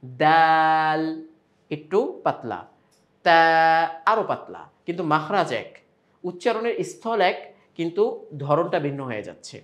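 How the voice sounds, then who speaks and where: A man's voice: fairly high pitch, big pitch swings, unhurried, pauses often, a bit bright. A man with a Bangladeshi Bengali accent teaching Quran pronunciation step by step, stretching out sample sounds between explanations.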